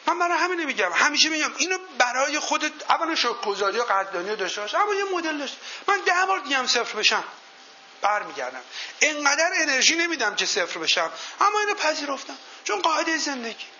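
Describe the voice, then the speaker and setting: Very high-pitched, bright-voiced male motivational speaker. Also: sing-song, slight background noise. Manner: tells folk anecdotes and quizzes the audience. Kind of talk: motivational seminar talk. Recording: dull lo-fi recording.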